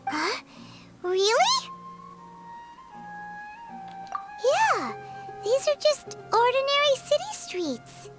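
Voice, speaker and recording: A tiny floating fairy companion chirps in a very high, squeaky voice. Her childlike, excitable talk leaps up and down in a sing-song way. Loud video game music plays behind her. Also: slow, exaggerated voice. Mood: puzzled.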